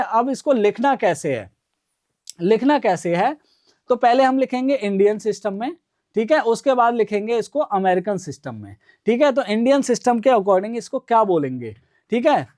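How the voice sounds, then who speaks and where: A woman with a fairly high voice teaches a school maths lesson in a dry, close-sounding recording. She works through each number slowly and repeats it aloud. She keeps checking that her pupils follow with short asides. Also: big pitch swings, warm tone, dry recording. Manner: slow, step-by-step explaining with frequent "है ना" and "ठीक है" check-ins. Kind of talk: online classroom lesson.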